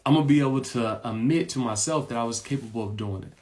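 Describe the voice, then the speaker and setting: An adult man of ordinary pitch shares a personal story as a motivational lesson on his podcast. He speaks earnestly, circles back to repeat his points, and keeps checking in with the listener. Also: quick pace, darkish tone. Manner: earnest, repeats points and tags lines with "right?". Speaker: podcast host.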